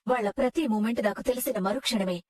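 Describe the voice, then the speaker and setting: A woman's voice: fairly high pitch, racing, darkish tone, no room sound, clean studio sound, close to an everyday voice. A woman playing a calculating schemer who speaks in cool, menacing tones in a TV serial. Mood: scheming. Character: scheming woman plotting with a minister. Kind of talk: Telugu TV serial acting.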